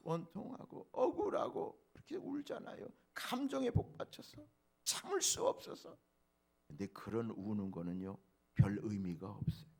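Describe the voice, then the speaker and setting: A male pastor preaching a dawn prayer sermon, swinging from soft low asides to loud emphatic peaks and speaking straight to the congregation. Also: big pitch swings, normal speed, creaky. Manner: preacherly, addresses congregation directly.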